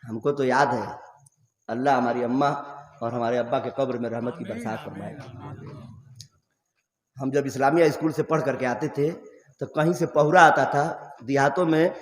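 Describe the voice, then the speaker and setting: A man from eastern Uttar Pradesh, India, speaking Hindi with a Bhojpuri-influenced accent, delivers an emotional sermon at a mosque gathering, telling stories and asking the crowd questions. His mid-range voice holds a steady tone at normal speed with frequent pauses. The sound echoes through a PA in a reverberant hall.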